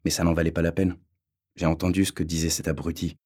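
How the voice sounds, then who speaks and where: Guy reading as a calm schoolboy, murmuring quietly. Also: deep voice, quick pace, husky. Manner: murmuring softly. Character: gentle schoolboy, calm and reasonable.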